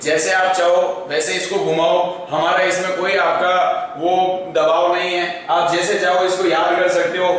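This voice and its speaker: High-voiced male teacher in an echoey room. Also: level tone, fairly bright tone. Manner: chants grammar forms in a slow sing-song tune; checks in often with "okay?". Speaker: school teacher. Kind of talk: classroom lecture with sung chanting. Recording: very echoey, far from the mic, faint noise.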